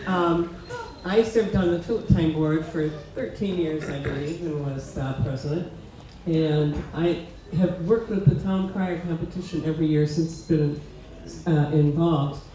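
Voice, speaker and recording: A woman's voice: low-pitched, unhurried. An American woman informally introducing herself to an audience at a live event. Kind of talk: informal public self-introduction. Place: event tent with seated audience. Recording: very echoey tent, faint noise.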